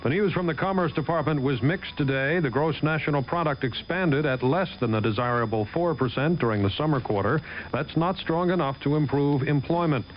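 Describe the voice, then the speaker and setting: A man's voice: a little high, lively intonation, a little fast, muffled recording, slight background noise. A man with an American accent reading scripted 1970s network radio news. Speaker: radio newscaster.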